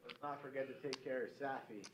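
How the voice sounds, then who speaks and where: Chatty poker player on a hissy mic. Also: male voice, medium pitch, steady tone, quick pace. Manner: joking, chatty, asks for reassurance. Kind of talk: casual table banter.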